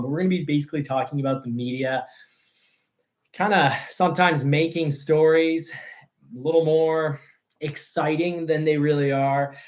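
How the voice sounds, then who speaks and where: This car news show host, whose first language is French, chats casually on a livestream. He has a mid-range voice and a rambling, halting way of talking.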